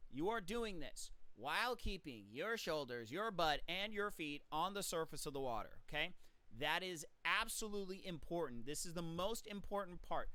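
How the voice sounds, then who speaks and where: A man talks through swimming drills in a casual, coaching way, counting kicks aloud as he goes. His voice sits high and sounds smooth and clean. The recording is dry and close, with no room echo. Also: lively intonation, moderate pace, sharp tone. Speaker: swim coach. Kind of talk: casual instructional talk.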